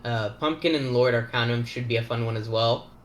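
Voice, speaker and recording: A man co-hosting a gaming league recap, chatty and quick to stammer and laugh. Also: mid-range voice, fairly even intonation, roomy sound, a little hiss or hum. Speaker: league co-host and player. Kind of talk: casual recap commentary.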